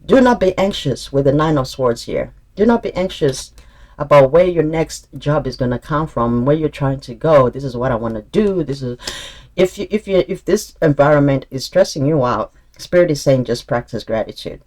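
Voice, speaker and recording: A man's voice: fairly high pitch, lively intonation, normal speed, a little mellow. Earnest man giving a tarot reading. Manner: earnest, encouraging, spiritual advice in direct address; repeats himself and restarts while reading cards aloud. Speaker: tarot reader. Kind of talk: intuitive tarot reading to camera.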